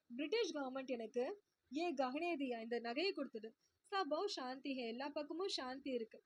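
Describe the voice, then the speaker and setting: A woman tutor who reads out a poem line by line and paraphrases each line simply, in a steady, repetitive teaching cadence. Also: high voice. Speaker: Hindi exam tutor. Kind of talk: line-by-line poem explanation lesson.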